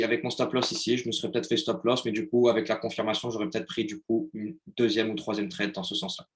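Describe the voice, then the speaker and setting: A man teaching a live online trading lesson in a chatty way, often checking in with his listeners and using playful sound words. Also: mid-range voice. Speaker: trading instructor.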